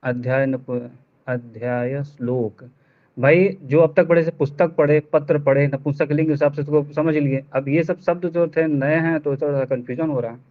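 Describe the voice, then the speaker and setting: Man, student, halting, repeats words, tinny phone-like call audio. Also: a little high, steady tone. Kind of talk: reciting answers in an online class.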